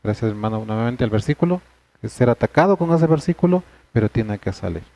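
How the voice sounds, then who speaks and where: Mellow-voiced man leading a church group. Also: mid-range voice, lively intonation, brisk, vocal fry. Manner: conversational, earnest, addresses group directly. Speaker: men's group leader. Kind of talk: church study session talk.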